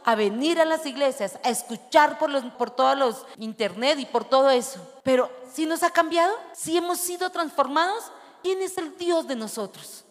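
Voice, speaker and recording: Brief: middle-aged woman pastor, fairly high voice, preaching with questions, long church reverb. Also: animated. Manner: preaching with rhetorical questions to the congregation, slowing to read scripture. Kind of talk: sermon.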